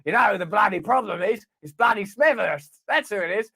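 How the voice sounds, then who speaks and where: A man's voice: high voice, lively intonation, a little fast, vocal fry, pushed and bright, slightly rough, pitched above the performer's own voice, full character voice. A man voicing a blustering, suspicious male official who barks orders indignantly in a comic sketch. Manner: indignant, bossy, exclaiming.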